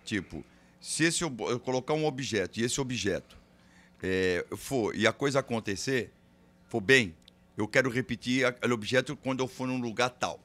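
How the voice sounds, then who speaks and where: A man with a Brazilian accent, a podcast guest who talks haltingly and keeps restarting his words. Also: mid-range voice, a bit bright. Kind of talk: casual podcast chat.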